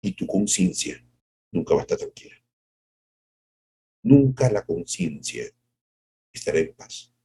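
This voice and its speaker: Preaching a devotional message, this middle-aged man poses rhetorical questions and dramatizes quotations, moving between soft drawn-out lines and sharp high exclamations. His pitch swings enormously, and his voice sounds creaky and somewhat rough.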